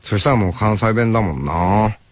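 A man's voice: lowish voice, moderate pace, no room sound. An older man from Hokkaido with a Hokkaido accent, a radio host musing to himself in a casual monologue and mimicking greetings. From Hokkaido, Japan. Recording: dull lo-fi broadcast sound.

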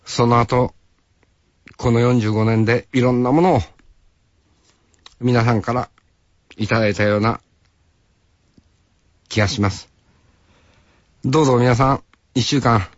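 Speaking directly to his listeners, a Hokkaido radio host in his sixties delivers a folksy, meandering monologue. His voice is medium in pitch, and the dry recording has its highs cut off.

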